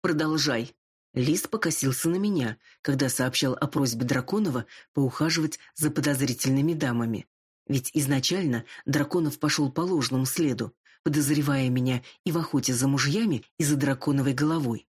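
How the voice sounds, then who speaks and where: Husky woman narrating a wry audiobook. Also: a bass voice, brisk, darkish tone. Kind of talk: first-person audiobook narration.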